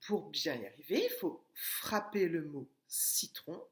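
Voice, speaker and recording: A woman leads a lesson for young children, slow and deliberate, drawing out each syllable. Her pitch swings up and down with animation. The room around her rings with echo. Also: sing-song. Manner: slow, patient, syllables tapped out and stretched. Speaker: preschool teacher. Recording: echoey room.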